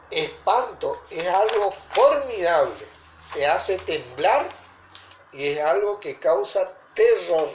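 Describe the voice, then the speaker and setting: Male preacher, unhurried teaching sermon, echoey room, emphatic repetition. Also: sits high, slight background noise.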